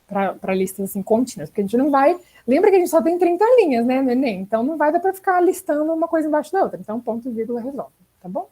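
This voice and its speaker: A woman's voice: high voice, expressive, racing, mellow, poor audio. A young woman with a Brazilian Portuguese accent teaching an online writing class in a chatty way, often checking in with the students. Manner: chatty, frequent "né?" and "tá?" check-ins.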